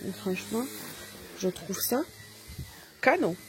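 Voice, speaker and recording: A woman's voice: medium pitch, expressive, takes it slowly. A woman hosting a renovation vlog, narrating in a chatty, enthusiastic voice-over. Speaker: vlog host.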